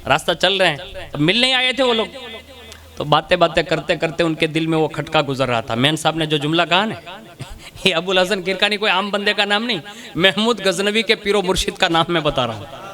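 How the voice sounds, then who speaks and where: A man's voice: high-pitched, lively intonation, a little fast, sharp tone. A man with a Gujarati accent preaching a sermon at a religious gathering, telling stories with acted dialogue and calling out to listeners by name. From India. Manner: storytelling with acted dialogue, addresses audience by name.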